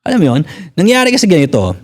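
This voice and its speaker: A man's voice: high-pitched, huge pitch swings, very fast, darkish tone. A Filipino physical therapist in his forties, talking bluntly in a casual podcast conversation, swearing freely and mixing in English. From Philippines.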